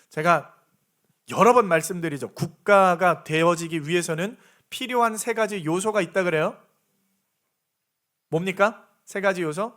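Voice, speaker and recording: Guy pastor preaching in church, high bright voice, keeps asking the crowd questions. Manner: earnest preaching with repeated rhetorical questions. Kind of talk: sermon. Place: church sanctuary.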